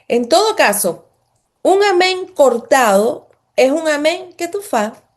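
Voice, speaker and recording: Speaking slowly in a high, very animated voice, a woman teaches religion with patient explanations. She repeats phrases and keeps checking in with whoever is listening.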